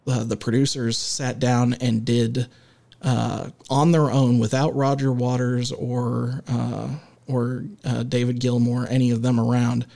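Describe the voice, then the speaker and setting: A man co-hosting a casual music podcast, leading the talk in a halting way with many filler sounds and restarts. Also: medium pitch, little pitch movement, gravelly, dark tone. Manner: leads the discussion and segues. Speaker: podcast co-host.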